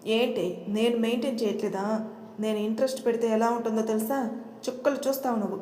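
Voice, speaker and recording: A woman's voice: fairly high pitch, steady tone, fast talker, warm tone, close to an everyday voice. A woman voicing a jealous, angry young husband who talks harshly and threatens. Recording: echoey room.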